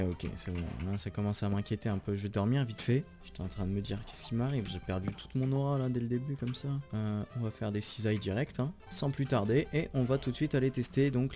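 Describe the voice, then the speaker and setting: A young man giving casual, slangy, excitable commentary over his gameplay, switching to voice-over narration between clips. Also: medium pitch, a little fast, hardly any pauses, faint music behind. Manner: chatty, slangy, excitable, laughs often. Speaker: gaming YouTuber.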